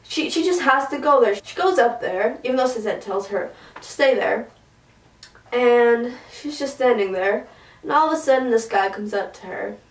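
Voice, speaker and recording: A young woman giving a casual, chatty book talk, excitable with quick asides. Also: a little high, slight background noise. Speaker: book reviewer. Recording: roomy, from a distance.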